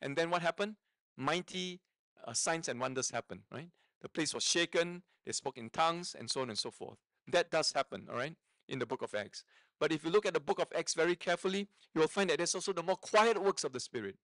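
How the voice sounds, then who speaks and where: A man preaching a teaching sermon as guest speaker. He talks emphatically, keeps checking in with his listeners, and drops low and quiet on key points. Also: lively intonation, fairly quick, dry recording, rough recording. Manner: engaging, checks in with tag questions.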